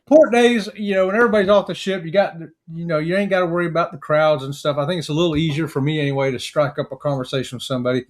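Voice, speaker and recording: A high-pitched man chats on a podcast as a co-host. He is playful and jokey and likes to act out silly little exchanges. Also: fairly even intonation, rapid-fire, few pauses. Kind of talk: casual podcast chat.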